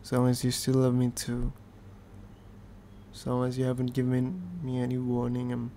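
A man's voice: medium pitch, completely flat delivery, normal speed, warm tone, a little hiss or hum. A British man doing an ASMR role-play as a needy, clingy, playful boyfriend, speaking in an intimate, affectionate, pleading way. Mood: teasing, clingy.

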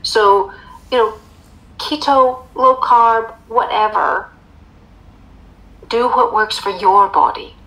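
A woman's voice: a little high, takes it slowly, pauses often, a bit bright, rough recording. An American woman in her fifties, explaining things emphatically as a guest in a casual interview. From United States. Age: 50s. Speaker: interview guest, eating coach.

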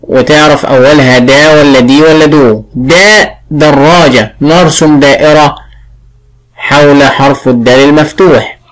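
A man with an Egyptian accent teaching early reading, sounding out syllables slowly and clearly. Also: on the high side, steady tone, poor audio. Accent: Egyptian Arabic. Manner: slow, drawn-out sounding of syllables. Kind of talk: classroom phonics lesson.

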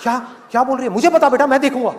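A man's voice: extremely high pitch, rapid-fire, in a large hall, slight background noise. A man doing a worried, placating father. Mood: soothing. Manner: soothing, placating. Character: worried, meek father of a grown daughter.

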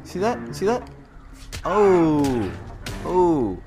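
With a slightly high, sing-song voice of darkish tone, a man delivers very slow, casual, slangy commentary during a video game walkthrough. He's playful and exclaiming, swears a bit, and game music and vehicle sounds run underneath.

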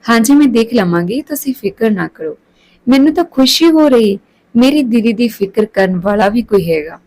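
A woman's voice: fairly high pitch, lively intonation, normal speed, a little mellow, low-quality recording. A woman voicing an earnest young village girl. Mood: caring.

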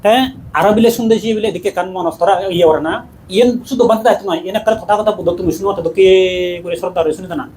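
A man, a Buddhist monk, giving a dhamma talk in a quick, conversational preaching manner with laughs. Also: sits high, darkish tone, slight background noise.

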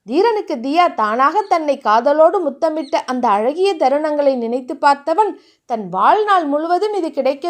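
A woman narrating a romance novel in a steady, even reading voice. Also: high-pitched.

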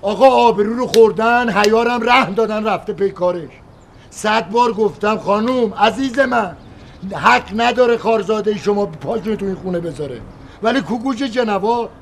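A gravelly, fuming landlord. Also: male voice, high voice, slight background noise. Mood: indignant. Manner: grumbling, exasperated complaints. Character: indignant landlord, quick to anger.

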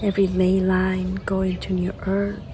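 A middle-aged woman guides a meditation very slowly and gently, leaving pauses between short, repeated phrases and slipping into chanted made-up syllables. Her pitch sits in an ordinary female range. She is outdoors, with clear ambient noise and birds chirping around her. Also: completely flat delivery. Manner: slow, gentle, soothing, with repetition and long pauses. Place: outdoors in a garden among trees.

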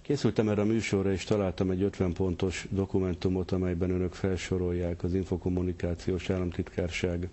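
Deep skeptical male TV interviewer. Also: little pitch movement, few pauses, dark tone. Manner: pointed, skeptical questioning. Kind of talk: probing TV interview.

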